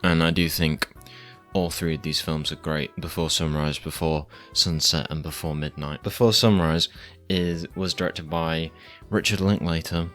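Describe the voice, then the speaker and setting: A man's voice: very deep voice, fairly bright tone. A man giving casual film reviews in a laid-back, rambling, slightly hesitant way.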